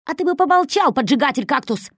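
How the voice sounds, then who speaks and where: A woman voicing a brash, mocking male crook of about forty who jeers and shouts. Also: high-pitched, animated, quick pace, no room sound, clean studio sound, pitched above the performer's own voice. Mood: shouting. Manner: jeering, shouting.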